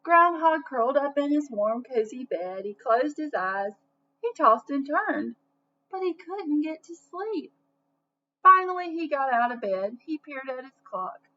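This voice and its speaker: Reading a children's storybook aloud, a high-voiced woman takes an unhurried pace and stays expressive, speaking the way one does to young listeners. Between passages she makes asides and poses questions to them. The sound is dull and lo-fi, with a little background noise.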